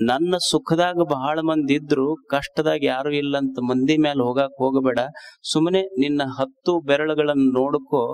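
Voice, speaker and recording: A man with a North Karnataka Kannada accent giving a sermon as a swamiji, asking rhetorical questions and repeating his phrases. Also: a little high. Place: discourse series in a town.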